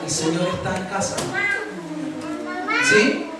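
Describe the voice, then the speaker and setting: A middle-aged male pastor with a Chilean accent preaches with animated rhetorical questions. His voice is caught from far off in a very echoey church hall, with clear background noise. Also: high voice, moderate pace. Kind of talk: sermon.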